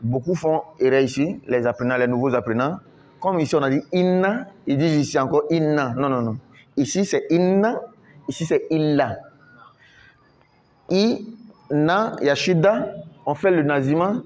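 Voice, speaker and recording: A man's voice: on the high side, darkish tone, a little hiss or hum. A man teaching Quran recitation in French, patiently repeating each word and drawing out the recited syllables. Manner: slow, repeats words many times, drawn-out recitation.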